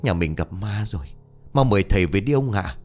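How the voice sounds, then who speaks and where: A fearful village wife whispers her worries in quick, hushed bursts, as a male storyteller voices her. Her voice swings up and down under a faint bed of music. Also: lowish voice, lively intonation, lightly acted. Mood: worried, hushed. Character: frightened hushed village wife selling noodles.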